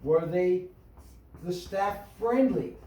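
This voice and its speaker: A man giving an instructional talk to a small business group, animated and full of questions, acting out tones of voice. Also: sits high, slow pace, distant mic. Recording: echoey room, voice from off the mic.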